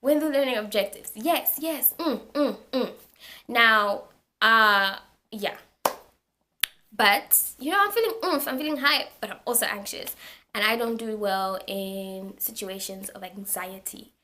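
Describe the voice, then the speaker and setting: A young woman from Zambia, telling a story to her vlog audience in a casual, animated way and repeating words for emphasis. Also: mid-range voice, a little slow. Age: young adult. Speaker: university student vlogger.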